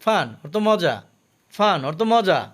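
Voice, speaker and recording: Teacher guy, fairly high voice, says each word twice, careful and slow. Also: lively intonation, a bit bright. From Bangladesh. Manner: slow, careful drill with pronunciation notes. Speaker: English teacher. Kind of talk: vocabulary lesson, repeating each word twice.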